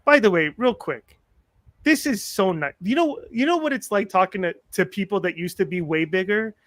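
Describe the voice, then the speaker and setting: Podcast guest, man in his 40s, high voice, dry close sound, animated self-mocking storyteller. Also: normal speed, no echo. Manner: animated, self-mocking humor, acts out quotes. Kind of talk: casual storytelling chat.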